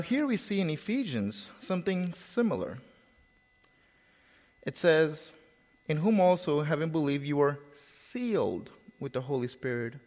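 A Salvadoran man with a slight Salvadoran Spanish accent preaches a sermon in a relaxed, storytelling style, pausing and repeating words. His medium-pitched voice carries a big-room sound.

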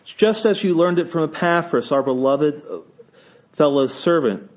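A man with an Eastern Ohio Appalachian accent preaching, reading scripture and praying in a solemn, measured way while he has a cold. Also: fairly high pitch. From Eastern Ohio, United States. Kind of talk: sermon with scripture reading and prayer. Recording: dull, band-limited sound.

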